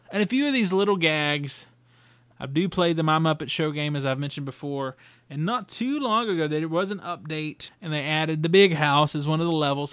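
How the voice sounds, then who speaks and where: Fairly bright and clean, this young man's voice leans high and carries no echo. He hosts a solo podcast review, talking casually and rambling with fillers and restarts.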